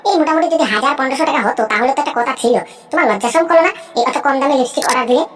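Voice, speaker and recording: A woman's voice: sits high, rapid-fire, faint music behind, close to an everyday voice. A woman voicing a greedy, snobbish, scheming sister-in-law in a cartoon, chattering nonstop and constantly asking whether the listener understood. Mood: bragging. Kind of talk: cartoon voice acting.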